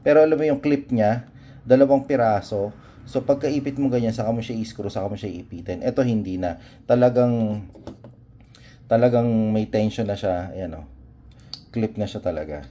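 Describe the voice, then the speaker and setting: With room ambience and background noise audible, a Filipino man chats through a product unboxing for his motorcycle vlog, blending Tagalog and English. His warm, lowish voice moves at a normal speed but with long pauses as he hunts for words.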